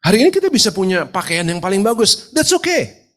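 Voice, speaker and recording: A pastor preaches a sermon at a live church service, his voice nasal because a cold has stuffed up his nose. He speaks in a high, very animated voice, briskly and with emphatic delivery.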